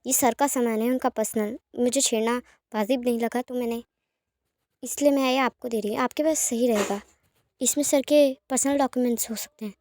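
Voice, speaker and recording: A woman voicing a brisk young personal secretary who reassures firmly and gives orders. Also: on the high side, steady tone, a little mellow, dry recording, natural voice. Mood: reassuring. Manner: firm, reassuring, commanding.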